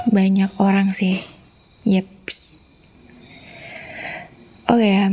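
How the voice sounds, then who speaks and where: A woman with an Indonesian accent playing an affectionate, teasing wife in an ASMR role-play, intimate and soothing, soft and breathy as she coaxes a listener to sleep. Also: medium pitch. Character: affectionate teasing young wife telling bedtime stories.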